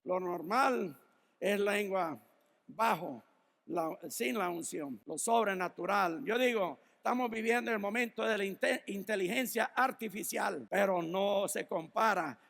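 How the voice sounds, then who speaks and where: A man's voice: high-pitched, measured pace, vocal fry, fairly bright tone, big-room sound. A man preaching a sermon as pastor, reading Bible verses and telling stories, sometimes laughing at them. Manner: storytelling, laughs at his own stories; reads Bible verses then applies them to the listeners.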